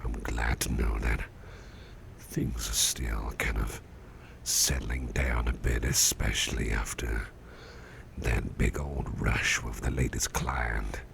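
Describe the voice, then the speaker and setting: In an ASMR roleplay, a man voices a sickly boss in an extremely low, heavily crackling, gravelly near-whisper. He speaks slowly, hesitantly and tenderly, grateful and a bit self-deprecating, with folksy warmth; the mood is soft and caring, the intonation fairly even, the acting heavy. Noticeable background noise and soft ambience sit behind him.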